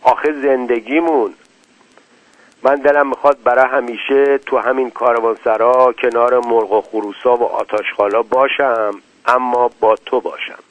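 A man voicing a tearful young wife in a storybook reading, pleading softly and haltingly. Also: mid-range voice, steady tone, no echo, lightly acted. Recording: dull, dry lo-fi recording.

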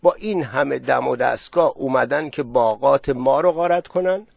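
A man voicing a calm, cautious village man who answers with measured skepticism. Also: medium pitch, creaky, no echo, voice pushed up. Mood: skeptical.

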